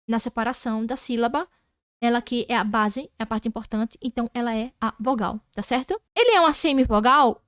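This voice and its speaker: A Brazilian woman teaching an online Portuguese grammar lesson, patiently repeating words slowly and checking that students follow. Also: sits high, fairly bright tone, no room sound, clean studio sound.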